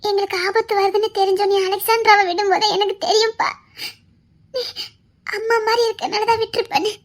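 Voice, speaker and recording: A woman's voice: extremely high pitch, flat delivery, a little fast. An actress playing a loving grown daughter who soothes and pleads with her grieving father in a TV serial scene. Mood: soothing. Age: young adult. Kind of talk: TV serial acting.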